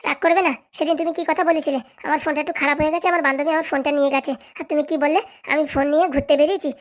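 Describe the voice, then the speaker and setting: A woman's voice: high-pitched, steady tone, very fast, close to an everyday voice. A woman voicing a sulky, scheming young wife in a cartoon, demanding and petulant. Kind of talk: cartoon voice acting.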